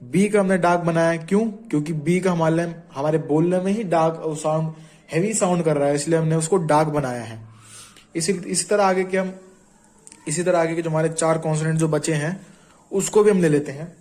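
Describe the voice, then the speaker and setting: A man's voice: on the high side, brisk, darkish tone, low-quality recording. A young man teaching shorthand in Hindi, patiently explaining strokes, repeating sounds and quizzing the viewer. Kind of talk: informal classroom-style tutorial.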